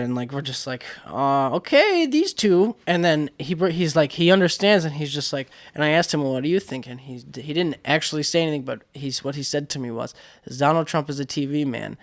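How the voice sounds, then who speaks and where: Male podcast co-host, fairly high voice, loose rambling storyteller who swears a lot. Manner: rambling storyteller, swears freely, many restarts. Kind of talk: casual chat.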